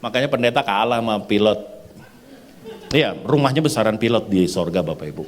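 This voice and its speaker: A man preaching a sermon at an outdoor church service, telling a humorous story with lively acted-out dialogue and frequent laughter, with a casual touch. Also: on the low side, a little fast. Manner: animated storyteller, acts out dialogue, laughs often. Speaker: pastor.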